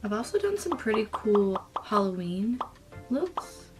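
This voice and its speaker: A woman's voice: medium pitch, sing-song, unhurried, music in the background. A young woman chatting casually as she does her makeup for a vlog, drifting into whispers now and then. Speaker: beauty vlogger.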